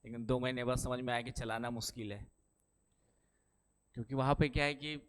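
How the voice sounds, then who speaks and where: A man's voice: medium pitch, fairly even intonation, brisk, clean tone. A middle-aged male teacher giving a lecture and telling personal stories in a chatty way, often asking the class questions and checking "ठीक है". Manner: keeps saying "ठीक है" and "है ना".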